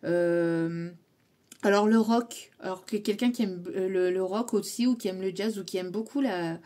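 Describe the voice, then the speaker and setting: Woman tarot reader, soft mellow tone, halting delivery that relays her guides' messages, playful asides. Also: medium pitch. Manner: hesitant, many fillers, relays what her guides say; chuckles often, playful asides. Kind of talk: spoken tarot reading to camera.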